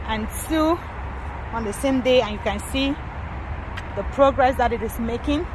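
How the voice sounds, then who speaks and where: Woman from Cameroon, gardening vlogger, high-ish voice, chatty tour, wind and traffic noise outside. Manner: chatty, addresses viewers as guys. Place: outdoor garden, windy.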